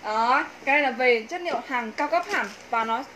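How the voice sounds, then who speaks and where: High, bright Northern Vietnamese saleswoman in an echoey room. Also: a little fast. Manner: persuasive, emphatic sales patter. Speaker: livestream clothing seller. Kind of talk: live sales pitch. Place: small indoor clothing shop room. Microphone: phone a few steps away. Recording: roomy echo, faint background noise.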